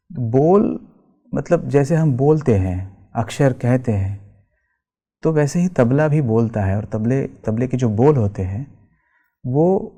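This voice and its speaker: A man's voice: mid-range voice, dark tone. A male tabla teacher giving a lecture, explaining terms patiently and mixing in English words. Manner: slow, explanatory, recites bols rhythmically, mixes English terms. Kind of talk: lecture with spoken tabla syllables. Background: tabla music.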